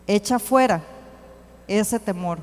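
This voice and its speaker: A woman giving an earnest church teaching, slowing to read scripture aloud. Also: medium pitch. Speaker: church speaker. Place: church hall. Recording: long hall reverb.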